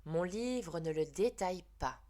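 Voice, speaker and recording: A woman's voice: on the low side, expressive, measured pace, dark tone. A woman reading aloud and voicing a strict, exasperated female schoolteacher who scolds in clipped phrases. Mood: grave.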